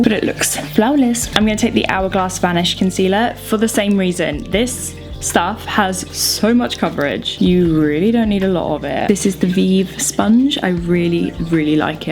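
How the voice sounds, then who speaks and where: A woman's voice: medium pitch, darkish tone. A thirty-year-old woman, chatting casually and playfully through her makeup routine as a beauty vlogger. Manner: chatty, playful, laughs often. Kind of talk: casual get-ready-with-me makeup chat.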